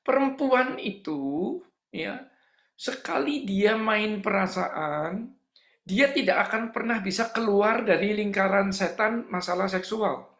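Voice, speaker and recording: A male pastor preaching in an animated storytelling style, acting out the dialogue as he goes. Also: high voice, takes it slowly, roomy sound. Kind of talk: storytelling sermon.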